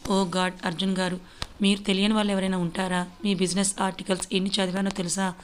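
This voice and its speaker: A woman's voice: mid-range voice, fast, background noise, natural voice. A woman voicing a bubbly young best friend. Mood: excited. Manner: bubbly, excitable.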